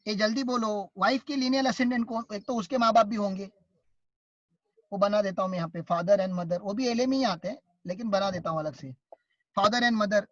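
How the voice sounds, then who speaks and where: A man with an Indian accent teaching an online class, lively and teasing as he quizzes his students. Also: high voice, normal speed, no room sound, highs cut off.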